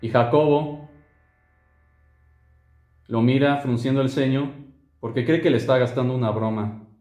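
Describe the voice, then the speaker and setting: A man's voice: medium pitch, measured pace. A young man telling a horror story in a casual, conversational way, with fillers and asides. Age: young adult. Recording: roomy echo, soft music behind.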